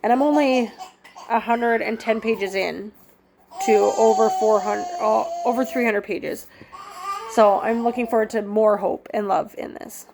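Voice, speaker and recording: A woman's voice: on the high side, fairly even intonation, measured pace, noisy background. A woman in her thirties with a stuffed-up cold, chatting casually about books as a vlogger, rambling with lots of fillers. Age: 30s. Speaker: book vlogger. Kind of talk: casual chat.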